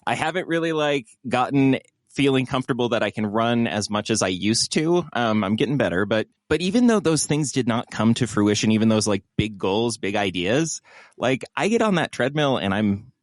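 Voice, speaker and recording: A man's voice: mid-range voice, animated, moderate pace, dry recording, clean studio sound. A man co-hosting a podcast, chatting casually in a rambling, self-mocking way with lots of fillers. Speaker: podcast co-host. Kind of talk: casual chat.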